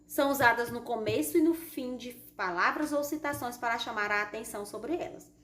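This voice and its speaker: A Brazilian primary school teacher giving a recorded lesson, explaining patiently and reading example sentences with strong expressive intonation. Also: female voice, a little high, a little fast. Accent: Brazilian Portuguese. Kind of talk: recorded remote class lesson. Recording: echoey room with faint background noise.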